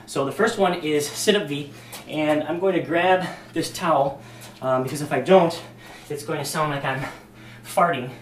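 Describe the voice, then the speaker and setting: A man's voice: on the high side, moderate pace, a little hiss or hum. A man demonstrating workout exercises as a fitness instructor, talking casually with many fillers and a bit out of breath. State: slightly out of breath. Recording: echoey room, distant mic.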